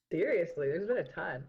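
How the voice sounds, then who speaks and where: Woman, low-ish voice, chatty commentator, muffled lo-fi webcam mic, tunnel-like sound. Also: gravelly, background noise. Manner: upbeat, chatty, many fillers. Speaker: speedrun race commentator. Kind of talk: casual commentary chat. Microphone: built-in webcam mic.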